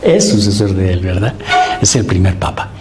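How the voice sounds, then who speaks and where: A man's voice: deep voice, normal speed, crowd noise. A man preaching as a priest at a Lenten retreat, asking his listeners rhetorical questions and acting out the voices he quotes. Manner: animated, acts out quoted voices, asks the audience rhetorical questions.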